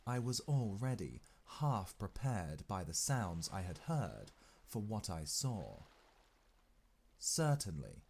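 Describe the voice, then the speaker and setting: A man reading a classic novel aloud as an audiobook narrator, in a measured delivery, phrase by phrase with frequent pauses. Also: fairly low pitch, darkish tone, slight background noise.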